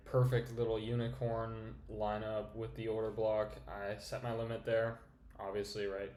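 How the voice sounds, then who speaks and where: Tired guy with a lowish voice, rambly chart recap, says right a lot, echoey room. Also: darkish tone. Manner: rambling, filler-heavy, says "right?" often. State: tired, yawning. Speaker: trading channel host. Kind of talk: casual screen-share market recap. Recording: echoey room with faint noise.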